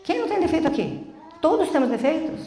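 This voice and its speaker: A middle-aged woman giving a sermon in a church, telling stories with animated, quick speech and asking the congregation questions. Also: sits high. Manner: animated storytelling, quick talk. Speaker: church speaker. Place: church sanctuary. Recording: echoey church hall.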